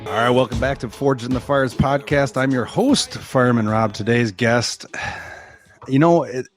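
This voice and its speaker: A man's voice: mid-range voice, moderate pace, soft background music. A man hosting an interview podcast, talking casually and eagerly with lots of repeated words and restarts. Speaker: podcast host, firefighter.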